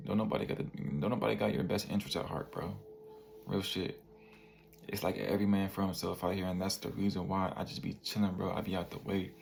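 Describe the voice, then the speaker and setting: Slow and slightly low, his gravelly voice stays fairly even and a little mellow as this vlogger in his twenties gives a loose, laid-back motivational monologue full of slang, peppered with "bro" and "you feel me." Faint room ambience and slight background noise sit behind him.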